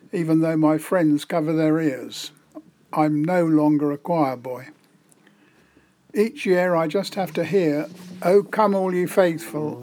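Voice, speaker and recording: A man's voice: fairly high pitch, a little mellow. A man in his seventies telling a scripted personal memory in a wry, self-deprecating way. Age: 70s. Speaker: storyteller.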